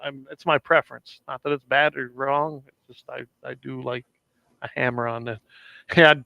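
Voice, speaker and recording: A man's voice: medium pitch, steady tone, normal speed, gravelly, no echo, dull audio. A man co-hosting a podcast in casual chat, rambling and chuckling often. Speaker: podcast co-host.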